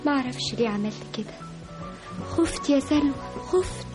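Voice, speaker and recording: A woman's voice: lively intonation, a little fast. An actress playing a young woman in love who learns she was deceived, tearful and pleading, in an old radio drama. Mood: distraught. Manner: tearful, pleading, breaks into high cries. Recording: radio drama with music behind.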